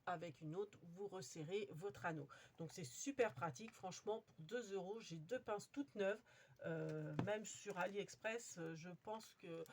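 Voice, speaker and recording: A woman's voice: lowish voice, gravelly, background noise. Chatty woman showing a craft haul. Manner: chatty, many fillers and restarts. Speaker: crafting vlogger. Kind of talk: casual show-and-tell haul.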